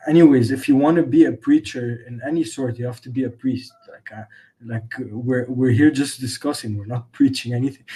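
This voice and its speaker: Halting young man with a mellow voice. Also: medium pitch, rough recording. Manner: hesitant, halting, many uh's and restarts. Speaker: panelist. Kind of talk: casual group discussion.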